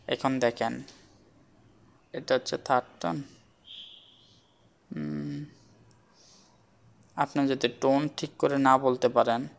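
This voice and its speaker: A man teaching a language lesson, speaking slowly and patiently and repeating words for his learners to drill. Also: mid-range voice, gravelly. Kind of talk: classroom lesson.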